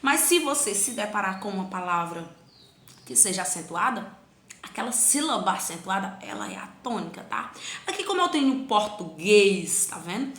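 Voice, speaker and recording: A woman teaching a children's grammar lesson, stretching syllables slowly to show stress and asking herself the pupils' questions. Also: medium pitch, sing-song, a bit bright, reverberant.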